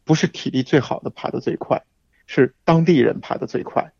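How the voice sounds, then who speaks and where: Male radio guest, measured explainer, dull dry recording, plain mid voice. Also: mid-range voice, creaky, a little mellow, slightly rough, no room sound. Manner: explanatory, measured, with frequent fillers. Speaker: guest hiking expert. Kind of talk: casual radio interview.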